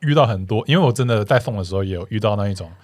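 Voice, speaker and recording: A man's voice: fairly low pitch, animated, racing, over a noisy crowd. A young man hosting a casual podcast chat, telling stories animatedly, acting out quoted lines with many restarts. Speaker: podcast host.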